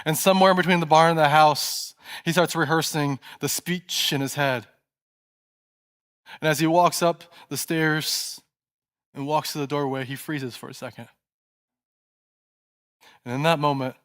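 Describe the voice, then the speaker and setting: A male pastor preaching a sermon in a church, telling a story and dropping to a soft, hushed voice at tense moments. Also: fairly high pitch, fairly even intonation, moderate pace, long pauses.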